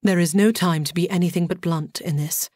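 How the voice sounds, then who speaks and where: A woman voicing a reserved, formal male nobleman who speaks quietly and with earnest, halting sincerity. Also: on the low side, steady tone, no echo, clean studio sound, lightly acted.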